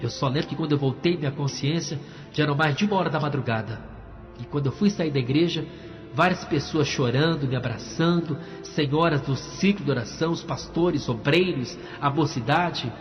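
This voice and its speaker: A man's voice: a little high, brisk. A man telling his testimony in a sermon, storytelling dramatically and speaking to the crowd. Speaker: guest preacher giving testimony. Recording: dull lo-fi church hall with music.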